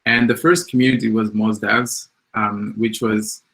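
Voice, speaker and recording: Speaking English with Portuguese as his first language, a man from Mozambique hesitantly recounts his path as an app developer, filling gaps with ums and likes. His lowish, creaky, slightly bright voice stays level and unhurried, though the audio is poor.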